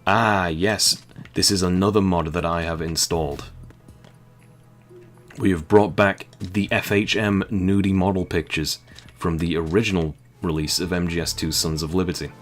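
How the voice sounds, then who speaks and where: A man's voice: sits low, steady tone, normal speed, faint music behind. A British man with a non-London accent, joking and laughing through casual game commentary. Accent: British, not London. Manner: joking, laughing, dry asides. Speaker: gaming channel host.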